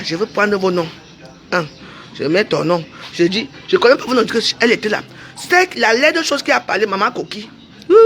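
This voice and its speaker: A woman's voice: fairly high pitch, a bit bright, a little hiss or hum. A woman delivering a confrontational livestream rant, scolding people directly. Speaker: online commentator.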